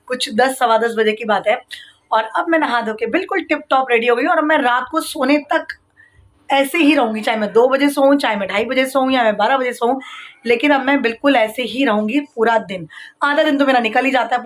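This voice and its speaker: A woman's voice: on the high side, slight background noise. A woman in her thirties chatting casually at home in a daily vlog, mixing English words into her talk as she cooks and works. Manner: raises her voice over a barking dog. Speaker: vlogger. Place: home kitchen and rooms. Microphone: phone held while she works.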